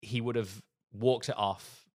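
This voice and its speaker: A man with a fairly low voice co-hosts a casual podcast. He retells a story at an easy pace, dropping into animated little impressions along the way. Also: a little slow. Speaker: podcast co-host. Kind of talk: casual chat.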